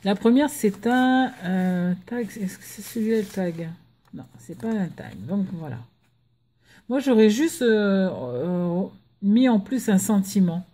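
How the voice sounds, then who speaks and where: Woman vlogger, mellow tone, hushed, chatty with hesitations, casual home unboxing. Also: mid-range voice, lively intonation, slow. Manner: chatty, hesitant with many fillers; talking softly while children nap. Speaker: crafting vlogger.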